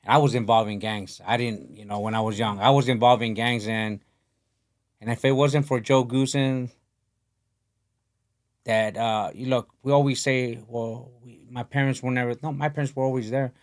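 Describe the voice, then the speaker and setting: Soft-spoken Honduras-born man host. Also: mid-range voice, steady tone, normal speed. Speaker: podcast host, boxing coach. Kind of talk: casual interview talk. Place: podcast studio in a boxing gym. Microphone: desk podcast mic.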